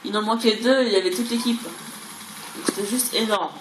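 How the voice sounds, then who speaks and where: A woman talks casually over gameplay in a roomy, echoing space. She rambles, repeating and stumbling over words. There is clear noise behind her mid-pitched voice. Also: normal speed. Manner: mild crude swearing. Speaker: gaming video creator. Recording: roomy echo, clearly noisy background.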